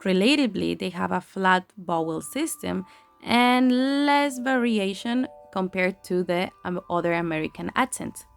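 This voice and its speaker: A woman gives a classroom presentation on phonology, explaining with frequent ums and restarts. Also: mid-range voice.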